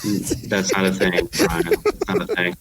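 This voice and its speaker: A man from Queens, New York, with a Queens accent, chatting on a podcast in a sleepy, deadpan monotone. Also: sits low, moderate pace, a crowd in the background. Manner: deadpan, dry. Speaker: podcast co-host. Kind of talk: casual podcast chat.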